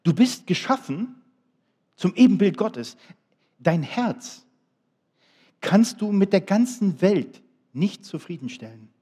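A middle-aged man preaching a sermon, swinging between loud, emphatic appeals and quiet, low asides. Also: big pitch swings, slow, long pauses, breathy edge.

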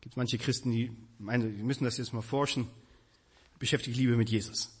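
A man preaching a sermon, addressing his congregation directly with emphatic, animated delivery. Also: medium pitch, fairly quick, breathy edge.

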